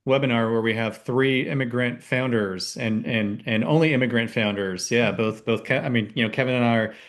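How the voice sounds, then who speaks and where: A man hosting a webinar panel over a video call, talking in a halting, filler-heavy way with friendly banter. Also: mid-range voice. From Canada. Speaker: webinar host.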